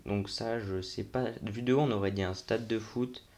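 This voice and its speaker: A man's voice: on the low side, steady tone, moderate pace, a little mellow. A young man giving casual, unscripted commentary on a game tour, thinking aloud in informal, slangy language. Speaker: gaming video host.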